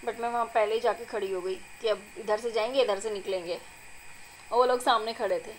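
A young adult woman, a vlogger and mother, narrating her family video in a chatty, doting, excited voice-over. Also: on the high side, a little fast, a little hiss or hum, low-quality recording. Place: recorded apart from the filmed scene.

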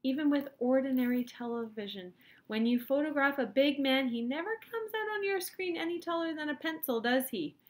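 A woman reading a children's storybook, voicing an excitable, eccentric male chocolate inventor who commands and exclaims like a showman. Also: high-pitched, fairly quick, voice pushed up. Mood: excited, boastful.

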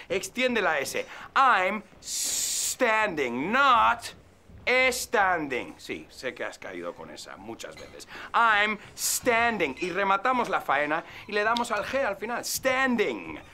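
A brash, showy fitness guy who swings his voice up and down as he talks and never tones it down. His voice rings bright and forceful, set against a faint hum of background noise. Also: high voice, full character voice. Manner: brash, showy, blows kisses. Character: boastful male fitness showman, loud and upbeat. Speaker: fitness character teaching English.

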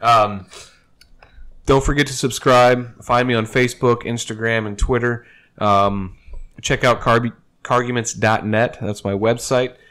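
A man's voice: mid-range voice, steady tone, measured pace, a bit bright. A man hosting a casual car talk show, chatting with friends in a laid-back, opinionated way. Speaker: host. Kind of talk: casual chat. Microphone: table microphone.

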